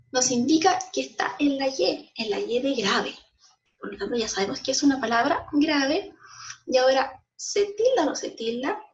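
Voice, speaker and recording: A woman teacher with a Chilean Spanish accent explaining a school lesson to children, slowly stressing syllables and often checking in with them. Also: high voice, distant mic. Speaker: primary school language teacher. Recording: muffled sound, voice a bit off-mic.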